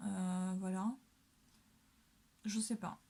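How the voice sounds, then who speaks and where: A woman's voice: medium pitch, little pitch movement, extremely slow, gravelly, warm tone. A young woman chatting casually while doing her makeup, full of hesitations and fillers. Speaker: beauty vlogger.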